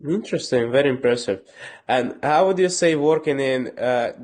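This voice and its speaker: A man's voice: medium pitch, moderate pace, a little mellow. A man interviewing a guest, asking hesitant questions and adding brief acknowledgements.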